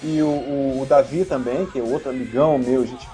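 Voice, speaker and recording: A man, a voice actor and dubbing director, chatting casually on a podcast with an animated storytelling manner. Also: mid-range voice, a little fast, soft background music. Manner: animated storyteller, acts out voices and laughs often.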